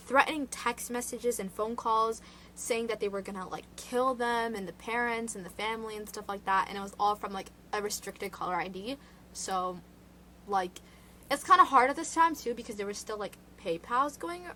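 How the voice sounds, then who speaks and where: Chatty rambling woman vlogger, bright voice. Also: fairly high pitch, slight background noise, low-quality recording. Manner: rambling, many "like" fillers, chatty asides. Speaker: true crime vlogger. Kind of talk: casual chat retelling true crime cases. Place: indoor room.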